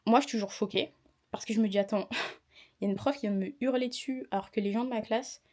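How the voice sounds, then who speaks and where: A woman's voice: a little high, quick pace, a little mellow. A young woman vlogging about her day as a student, tired, and retelling a clash with a teacher in a chatty, indignant way. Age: young adult. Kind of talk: casual vlog storytime.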